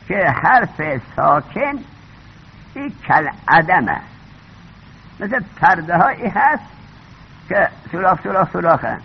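A male teacher gives a classroom lecture on grammar. He often stops to question his students and repeats the main points, and his high voice rises and falls a lot. The recording is dull and lo-fi, with a faint hiss underneath. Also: vocal fry.

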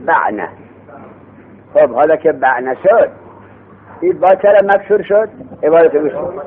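A man with a slightly high voice teaches an Arabic morphology lesson on grammar, quizzing his students and then answering his own questions. He slows down to read the text aloud and speeds up to explain it. The sound is tinny and phone-like.

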